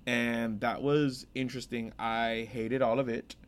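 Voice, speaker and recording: A man's voice: mid-range voice, unhurried, a little hiss or hum. A young American man co-hosting a podcast, telling rambling stories in casual chat. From United States. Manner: rambling, animated storyteller. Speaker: podcast co-host.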